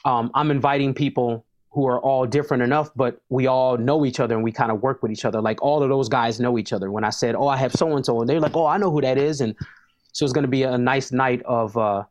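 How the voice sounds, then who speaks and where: A man's voice: mid-range voice, fast talker, darkish tone. A man, a hip hop artist talking casually as an interview guest, emphatic and prone to repeating words as he starts sentences.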